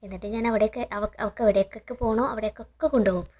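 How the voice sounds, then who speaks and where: A woman's voice: medium pitch, steady tone, very fast, warm tone, husky, close to an everyday voice. A woman reading a bossy jealous husband. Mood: stern.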